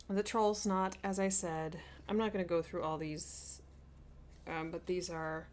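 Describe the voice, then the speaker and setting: With a lowish, creaky voice and slight background noise, a woman hosts a flosstube craft vlog. She eagerly shows off a haul in casual chat, gushing and often beginning her sentences again.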